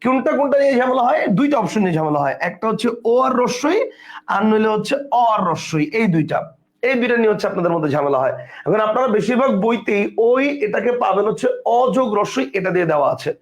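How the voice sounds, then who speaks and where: Male tutor, high bright voice, brisk self-quizzing grammar lesson with English words mixed in. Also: lively intonation. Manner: explains step by step, asks and answers his own questions; mixes English words into his speech. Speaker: teacher. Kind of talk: exam-prep grammar lesson.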